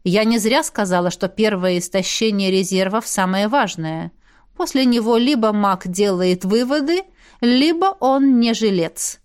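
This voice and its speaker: A woman voicing a stern, dry-witted female demoness who heads a magic academy, speaking slowly and reproachfully. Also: mid-range voice, clean tone, lightly acted.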